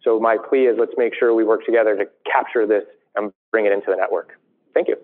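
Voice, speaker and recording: A man's voice: lowish voice, fairly even intonation, fast talker, heavy background noise. A man speaking at a conference, making a persuasive closing plea. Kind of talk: panel remarks. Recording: tinny phone-like audio.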